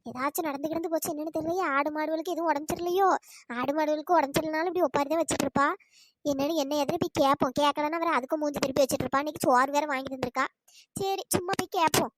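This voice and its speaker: A nosy friend, very high and quick. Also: noisy background. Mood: coaxing. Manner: questioning, cajoling, quick. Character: nosy village woman friend, coaxing and defensive. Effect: pitch-shifted voice. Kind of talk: cartoon storytelling voice acting.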